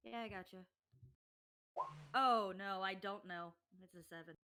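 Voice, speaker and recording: A woman's voice: medium pitch, a little slow, sharp tone, clear, resonant tone. A woman playing a tabletop role-playing game, speaking casually and rather hesitantly in character and out. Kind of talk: casual role-play chat.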